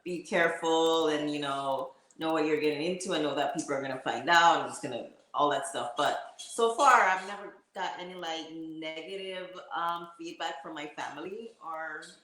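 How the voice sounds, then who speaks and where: A woman's voice: deep voice, moderate pace, hardly any pauses, a bit bright. A woman with a Jamaican accent, speaking as an interview guest and laughing often between phrases. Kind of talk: casual interview chat. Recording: very echoey room.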